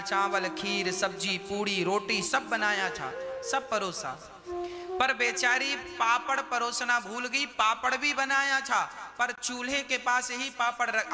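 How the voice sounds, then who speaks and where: A high-pitched man unfolds a devotional story in a relaxed, humorous preaching manner. He speaks slowly, drawing listeners along. His voice rings through a large hall, with devotional music clearly audible behind him. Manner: folksy, humorous, chants verse slowly. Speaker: katha storyteller. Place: large hall at a live religious gathering.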